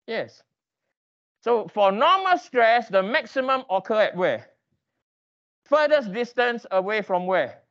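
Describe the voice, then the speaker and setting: In a classroom, an engineering lecturer with a medium-pitched voice teaches interactively, firing emphatic, repeated questions at students and prodding them to answer. The audio sounds dull.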